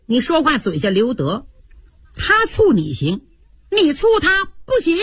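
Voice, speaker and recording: A woman voicing a loyal, quick-witted young maid who talks fast and chides sharply, with a husky voice. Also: high-pitched, huge pitch swings, fairly bright tone, no room sound, studio quality, pitched above the performer's own voice, full character voice. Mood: angry. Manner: quick, chiding, clever.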